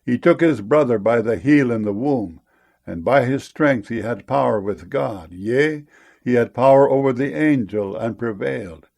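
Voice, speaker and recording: A man with a medium-pitched voice narrates scripture for an audiobook. His delivery is solemn and formal. He reads in measured phrases, giving each line its weight. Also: vocal fry, a little mellow.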